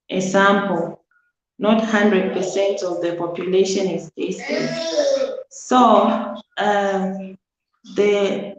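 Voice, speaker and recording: A woman answering quiz questions as a student, tentative and pausing on "um", heard from a distance in a very echoey room. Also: medium pitch, darkish tone, a little hiss or hum.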